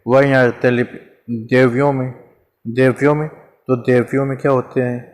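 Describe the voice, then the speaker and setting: In a relaxed Hindi grammar lesson, a man talks through repeated examples, asking himself questions and supplying the answers. His voice is medium in pitch with little movement, and he speaks at normal speed.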